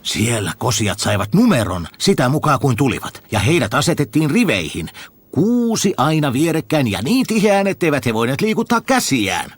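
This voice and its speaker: A man narrating a fairy tale with a very expressive reading. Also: medium pitch, husky. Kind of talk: storybook narration. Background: faint music.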